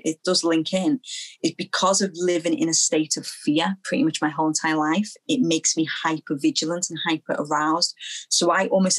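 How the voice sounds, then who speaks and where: A woman's voice: low voice, poor audio. Earnest young woman from Liverpool. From Liverpool, England. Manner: earnest, halting, repeats phrases as she recalls. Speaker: guest. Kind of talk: personal testimony in an interview.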